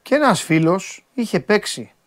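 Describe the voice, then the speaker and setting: A man's voice: sits high, noisy background. A man hosting a sports radio show, getting worked up and arguing in casual banter. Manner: animated, quick to get worked up, argumentative.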